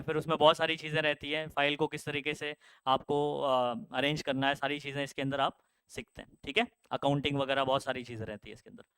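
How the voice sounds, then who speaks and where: In a relaxed classroom lecture on career choices, a young male teacher keeps checking that his students follow along, his speech loose and full of fillers. He sounds high-ish, pushed and bright, with a clean tone. The recording is dry.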